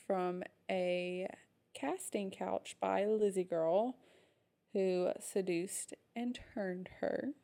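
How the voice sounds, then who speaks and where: A woman co-hosting a podcast, recapping episodes in casual chat with steady fillers. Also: medium pitch, very slow. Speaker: podcast co-host.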